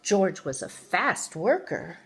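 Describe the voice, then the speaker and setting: An older woman, a sweet grandmother, reading a children's picture book aloud and gently engaging the young listener. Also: medium pitch, very animated, slow, breathy edge. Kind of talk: read-aloud children's storytelling.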